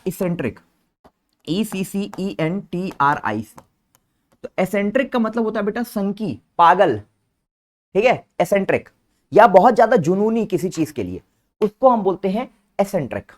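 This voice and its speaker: A man's voice: high-pitched, very animated, normal speed. Patient male teacher spelling words. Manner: calls listeners "beta" fondly. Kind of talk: online vocabulary lesson.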